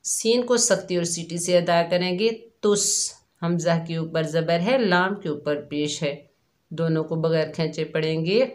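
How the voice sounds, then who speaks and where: A woman teaching Quran recitation step by step, calmly explaining each letter and drawing out the words she recites, her throat a little sore. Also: lowish voice. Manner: calm, methodical explaining, drawn-out recitation of words. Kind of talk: slow step-by-step tajweed lesson.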